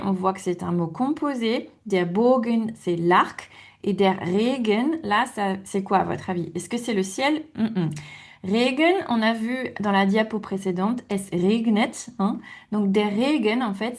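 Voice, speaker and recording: A woman giving a German lesson, repeating words slowly and clearly for the learner. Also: medium pitch, a little mellow. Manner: slow, careful pronunciation drills. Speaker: German teacher. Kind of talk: language lesson.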